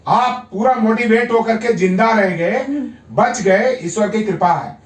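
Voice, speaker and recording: A male yoga therapist visits a patient at home, coaxing him firmly and repeating his encouragement. His voice is high and unhurried, captured by a distant mic in an echoey room.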